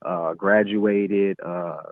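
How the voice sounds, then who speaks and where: A man in his twenties from Michigan, calling into a live show over the phone and talking in a hesitant, halting way with lots of fillers. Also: sits low, fairly even intonation, dry recording. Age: 20s. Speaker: caller. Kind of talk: casual call-in chat. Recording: tinny, dry phone line.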